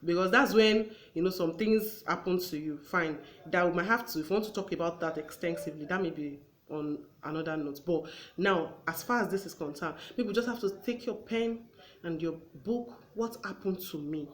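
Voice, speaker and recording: A woman's voice: lowish voice, moderate pace. Earnest woman talk-show host. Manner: earnest, advising, acts out everyday exchanges. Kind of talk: conversational talk show discussion.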